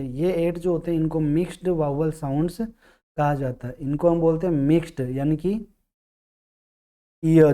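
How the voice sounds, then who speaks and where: Mellow-voiced male teacher. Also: a little high. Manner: patient, repeats key words, sounds out vowels slowly. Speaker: English teacher. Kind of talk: classroom-style explanation.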